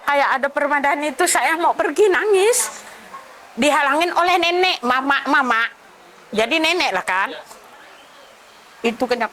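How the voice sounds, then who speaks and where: High-voiced woman tearfully recounting a dream. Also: fairly bright tone, a little hiss or hum, rough recording. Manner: rambling, acts out dialogue, drops voice low for others' words. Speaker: convert telling her testimony. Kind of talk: emotional personal testimony.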